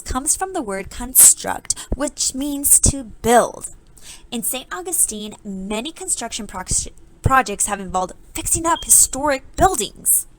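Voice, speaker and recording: An elementary school teacher leads a read-aloud reading lesson for children, explaining things step by step in an instructive way. Her voice is fairly high-pitched, and the background is noisy.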